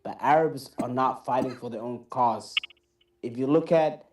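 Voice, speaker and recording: A man's voice: medium pitch, moderate pace, roomy sound, far from the mic. A half Somali, half American man on a heated debate panel who keeps pleading for respect and tagging "right, brother?" onto his points.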